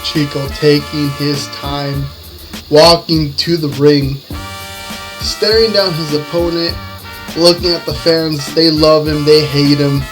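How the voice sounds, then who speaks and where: A man with a fairly high-pitched voice commentates as a lucha libre announcer. He calls the wrestling in short phrases that repeat and build on each other. Faint music plays behind him. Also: fairly even intonation, takes it slowly, low-quality recording.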